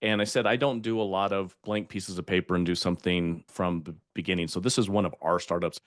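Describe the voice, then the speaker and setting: An older man with a low voice tells stories in a lively, emphatic way and laughs at his own slips. The sound is close and dry, with hardly any room around him. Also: brisk, dry recording. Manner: storytelling, emphatic, laughs at himself. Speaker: podcast guest. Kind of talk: conversational interview.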